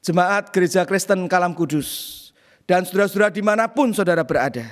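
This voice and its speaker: A middle-aged male pastor with a notably high voice delivers a storytelling sermon, often turning to address his listeners as brothers and sisters. His voice carries the long reverb of a church hall. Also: brisk.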